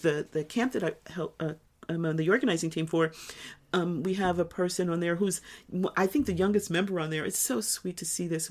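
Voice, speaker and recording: A woman in her sixties, co-hosting a podcast in casual chat, telling reflective stories in a chatty way. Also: lowish voice. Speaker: podcast co-host.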